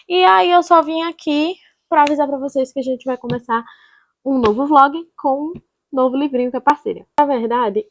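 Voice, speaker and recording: A Brazilian woman talks in a fairly high voice, in the casual style of a reading vlog. She is informal and chatty, rambling along and correcting her own words as she goes. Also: no room sound. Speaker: book vlogger.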